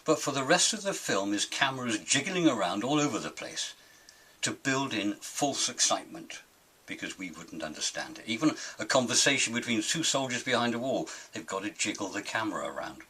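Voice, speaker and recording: Older male, gravelly-edged husky tone, animated pitch swings, indignant curmudgeon holding forth on his pet gripes. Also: fairly quick, rough recording. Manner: grumpy, indignant, emphatic. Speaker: opinionated film critic and host of his own show. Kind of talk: rambling opinionated monologue.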